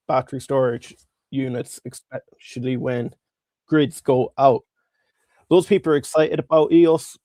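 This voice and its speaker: Congested man with a gravelly, sore-throated voice. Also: mid-range voice, a little mellow, no room sound. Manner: informal, chatty, addressing viewers. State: congested, strained throat from tonsillitis and a cold. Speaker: livestream host. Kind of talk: casual live stock market commentary.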